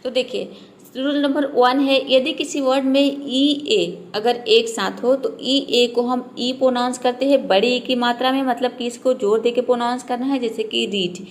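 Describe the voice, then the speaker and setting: Slightly high-voiced woman teaching pronunciation. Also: fairly even intonation, normal speed. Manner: explains step by step, asks and answers her own questions. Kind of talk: English pronunciation lesson.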